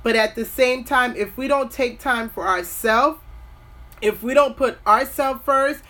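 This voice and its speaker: In her forties, this woman hosts a skincare video with casual talk to the camera, offering earnest, motivational advice and wandering off topic now and then. Her voice sits on the high side and comes out pushed and bright at a slightly slow pace.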